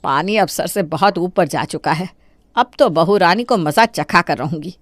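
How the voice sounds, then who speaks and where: A woman's voice: on the low side, animated, moderate pace, no echo. A woman voicing a scheming, melodramatic older mother-in-law who wails and complains theatrically in a cartoon.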